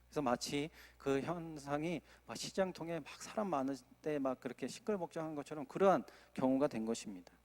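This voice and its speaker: Male pastor in a church, mid-high voice, earnest sermon delivery with rhetorical questions. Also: a little fast, hardly any pauses, a little mellow, big-room sound. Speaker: associate pastor. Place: church sanctuary.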